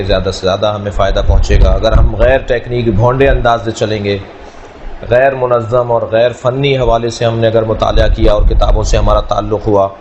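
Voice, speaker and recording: A man teaching a class, speaking in a measured way, repeating key words and explaining through everyday analogies. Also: lowish voice, darkish tone, a little hiss or hum. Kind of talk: classroom lecture.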